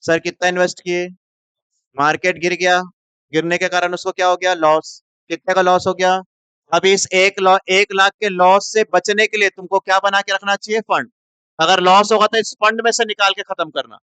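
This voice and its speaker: A man's voice: sits high, little pitch movement, moderate pace, bright, forceful tone, clean tone, dry recording. A man teaching commerce in a lecture, firing questions at the class and answering them himself.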